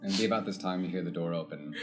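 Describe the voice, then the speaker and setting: A man's voice: deep voice, very fast. A man narrating an improvised tabletop game as its game master. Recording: prominent music under the voice. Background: background music.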